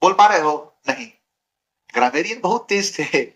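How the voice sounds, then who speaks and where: A man's voice: sits high, lively intonation, moderate pace. A man teaching English grammar in Hindi, drilling letter sounds by repeating them and quizzing his students. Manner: drills sounds by repetition, asks students questions. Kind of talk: classroom grammar lesson.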